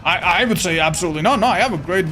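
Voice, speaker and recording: A man streaming a video game, chatting casually with his viewers in a slightly raspy, tired voice, animated and swearing freely. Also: high voice, racing, soft background music. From Andorra. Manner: animated, swearing, answers chat while playing. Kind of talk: casual live-stream chat.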